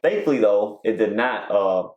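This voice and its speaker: A man's voice: fairly low pitch, expressive, moderate pace, lo-fi sound. A man co-hosting a casual chat show, rambling with lots of fillers and the odd joke. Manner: rambling, filler-heavy, joking. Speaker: podcast co-host. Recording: echoey room.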